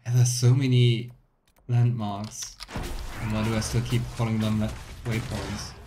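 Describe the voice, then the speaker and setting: Game music runs in the background as this young man talks his way through a video game from a small room at home, joking with the game and his viewers. He speaks at normal speed in a lowish, level voice, and there is some background noise.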